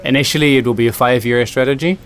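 A man's voice: medium pitch, fairly even intonation, quick pace, a little hiss or hum. A man from the Netherlands, a food system consultant answering interview questions thoughtfully, with many ums and restarts.

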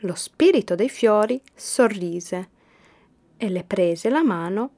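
Woman reading a kids' story, slow and very expressive. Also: medium pitch. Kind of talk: storybook narration.

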